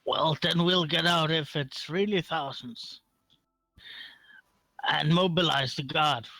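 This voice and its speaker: Bold badge-carrying leader, played by a man, raised pitch, bright and rallying; tabletop game. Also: normal speed, no room sound, faint music behind. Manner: loud and rallying, confident.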